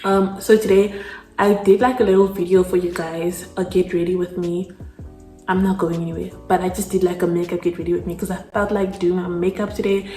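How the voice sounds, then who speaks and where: Young woman, casual makeup vlog chat, lower pitch, warm tone, roomy echo. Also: level tone, brisk, faint music behind. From South Africa. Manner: chatty, rambling, lots of "like" fillers. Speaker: beauty vlogger. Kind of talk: casual get-ready-with-me chat. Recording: echoey room.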